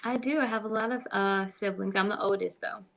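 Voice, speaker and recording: A woman's voice: medium pitch, fairly even intonation, a little fast, creaky, a bit bright. Young woman with short easygoing replies. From Maryland, US. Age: 20s. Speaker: dating show contestant. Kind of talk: casual conversation in a clip.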